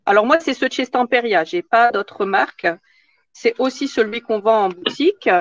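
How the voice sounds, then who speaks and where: A woman's voice: a little high, normal speed, muffled recording, a little hiss or hum. Chatty woman hosting a craft live. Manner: chatty, answers viewer comments as she works. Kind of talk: casual craft tutorial chat.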